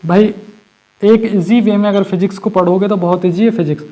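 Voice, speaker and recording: A man with a high, mellow voice gives an exam-prep physics lecture. He keeps asking his class questions and answering them himself. He repeats the key terms over and over. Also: steady tone, normal speed. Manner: mixes Hindi with English terms. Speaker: teacher.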